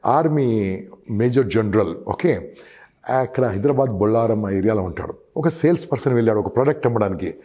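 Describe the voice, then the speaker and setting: Husky, mellow-voiced man coaching sales. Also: on the low side, animated, brisk, muffled recording. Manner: emphatic, addresses listener as boss, acts out customer dialogue. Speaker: sales trainer guest. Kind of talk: advice interview.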